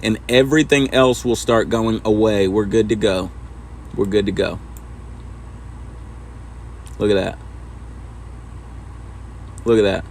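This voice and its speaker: A man's voice: lowish voice, steady tone, slow pace, long pauses, a little hiss or hum. A man talking casually through a trucking simulator as he teaches backing, laid-back and chatting to himself as he drives. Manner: laid-back, talks to himself while driving. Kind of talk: casual instructional commentary over gameplay.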